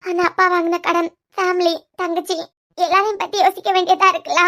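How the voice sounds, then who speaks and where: Cartoon role: weary young working woman, voiced by a woman, Kanyakumari Tamil accent, very high, fast, troubled. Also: level tone, fairly bright tone. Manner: troubled, pleading. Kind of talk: cartoon web series voice acting.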